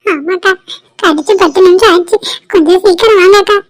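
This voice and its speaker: A woman voicing a young village boy who runs to bring urgent news, pleading and hurried. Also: very high voice. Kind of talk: cartoon voice acting.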